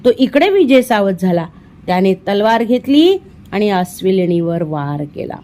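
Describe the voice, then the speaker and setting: A woman from India reading a children's storybook aloud, performing the dialogue with lively expression. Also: a little slow. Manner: expressive, voices the dialogue with rising pitch in tense moments. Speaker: audiobook reader. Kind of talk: storybook narration.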